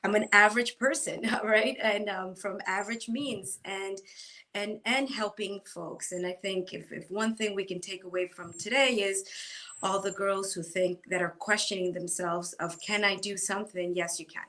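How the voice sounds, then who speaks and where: A woman's voice: medium pitch, fairly even intonation, normal speed, sharp tone. A middle-aged woman from Ecuador, a former Marine, talking earnestly as a guest and often restarting her sentences. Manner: earnest, repeats words as she restarts sentences. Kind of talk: conversational interview.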